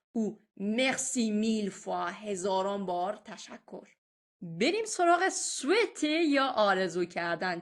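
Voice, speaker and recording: Woman teaching French with slow, emphatic phrases. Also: a little high. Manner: says each French phrase slowly and loudly, then glosses it softly; patient and explanatory. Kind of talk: recorded lesson in Persian with French examples.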